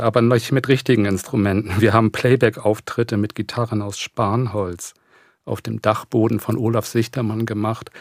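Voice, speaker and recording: Low gravelly 56 year old guy, journalist guest, wry storytelling, dry mic. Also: dry recording. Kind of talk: conversational radio interview.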